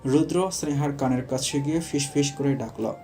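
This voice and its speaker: A man narrating a romantic audio story in a steady storytelling manner. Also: medium pitch, normal speed, soft background music.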